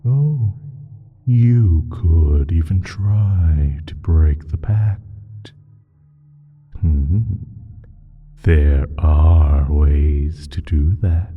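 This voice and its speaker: A male voice gives an exaggerated, animated performance as a sly, taunting ancient evil creature who makes sinister pacts, speaking extremely low and very slowly in a very deep, husky, breathy voice that sinks into whisper. His theatrical roleplay monologue to the listener is drawn-out, halting and teasing, with low chuckles and smug taunting. The audio is narrow and tinny, with faint music behind.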